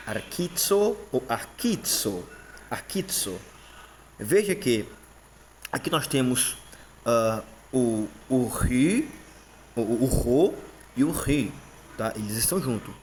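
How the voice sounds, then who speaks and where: A man with a Brazilian Portuguese accent walks through a lesson in a casual, patient way. He keeps checking in with his listeners and repeats each term as he goes. His voice sits at an ordinary middle pitch, with a faint hiss of noise behind it. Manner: frequent fillers and "tá?" checks, repeats terms. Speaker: teacher.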